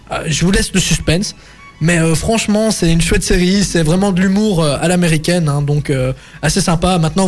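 Young man rambling on radio. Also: a little high. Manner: rambling, stumbling over words, laughs often. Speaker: radio co-host. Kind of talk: casual radio chat.

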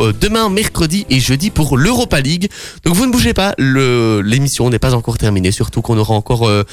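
A man hosting a sports radio show, talking casually with many fillers and frequent laughs. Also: fairly high pitch. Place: radio studio. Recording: radio studio with music underneath.

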